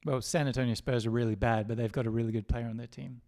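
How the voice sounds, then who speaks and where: A man's voice: medium pitch, fairly even intonation, fast talker, darkish tone. A man hosting a livestream, chatting casually and rambling between jokes. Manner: rambling, joking, laughs often. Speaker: livestream host.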